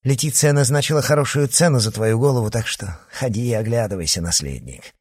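A man voicing a spiteful, scheming adult witch woman, taunting with threats in a husky voice. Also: medium pitch, animated, brisk, darkish tone, pitched above the performer's own voice. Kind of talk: audiobook character reading.

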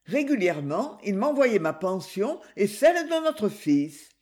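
A woman's voice: mid-range voice, very animated, measured pace, a little mellow. A woman reading aloud, voicing a young divorced woman, a former nightclub singer, in a raised, pleading voice. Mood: explaining. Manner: pleading, emotional.

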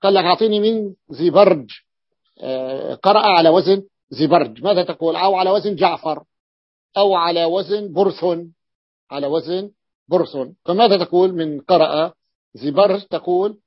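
A man teaching Arabic grammar in a classroom lesson, explaining slowly, repeating words and asking his students questions. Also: high voice, dry recording, highs cut off.

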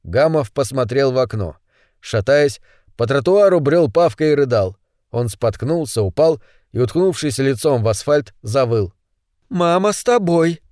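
A man reading a dark story aloud in a measured, tense storytelling voice. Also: mid-range voice, lively intonation, no echo, clean studio sound. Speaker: audiobook narrator. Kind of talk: dramatic story narration.

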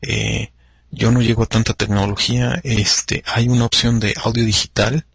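A man's voice: lowish voice, level tone, normal speed, gravelly, fairly bright tone, husky, no room sound. A man with a Mexican accent hosting a radio show, chatting casually and rambling with many fillers and restarts. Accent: Mexican Spanish.

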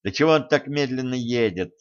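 A male narrator voicing a bold, sharp-tongued young woman who answers with sarcastic retorts. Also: mid-range voice, expressive, a little fast, smooth, muffled recording, lightly acted. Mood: snappy.

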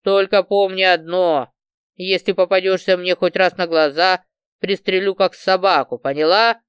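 A woman voicing a cocky armed male thug who mocks and threatens in a loud, lowered, drawn-out voice. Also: fairly even intonation, clean tone, no echo, studio quality. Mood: threatening. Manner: sneering, threatening.

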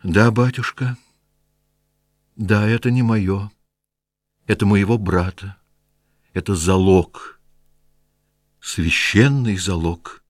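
A man voicing a devout young daughter who pleads loudly and with passion. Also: lowish voice, takes it slowly, pauses often, dry recording, studio quality. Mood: earnest. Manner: impassioned, loud pleading.

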